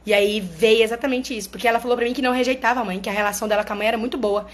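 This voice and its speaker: A high-pitched woman talks casually to her followers as a therapist. Her delivery is chatty and explanatory, and she keeps checking in with the people listening. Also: steady tone, rapid-fire.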